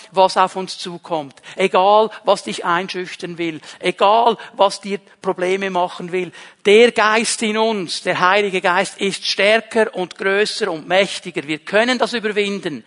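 Man, Swiss German accent, pastor, sermon, high-pitched, long reverb. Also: fairly bright tone. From Switzerland. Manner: emphatic, repeats key phrases.

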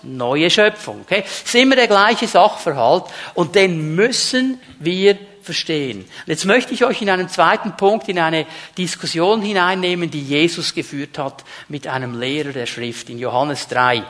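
A man's voice: a little high, animated, normal speed, few pauses, a bit bright. A man preaching a sermon to his congregation, emphatic and repeating key words, speaking to the listeners directly. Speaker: pastor.

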